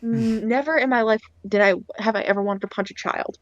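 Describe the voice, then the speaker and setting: A woman's voice: fairly high pitch, brisk, no echo. A woman co-hosting a podcast, telling a story with animation and acting out the people in it. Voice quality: animated storyteller who acts out other people's lines. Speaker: podcast co-host. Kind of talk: casual chat. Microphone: internet call. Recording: dull lo-fi internet call audio.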